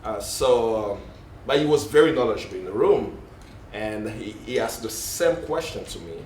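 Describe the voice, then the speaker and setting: During a panel discussion in a conference hall, a man with a fairly low, slightly mellow voice speaks at a moderate pace with lively intonation. His speech is full of ums and uhs as he hunts for words and corrects himself. The mic is distant, the hall roomy, and faint noise is audible.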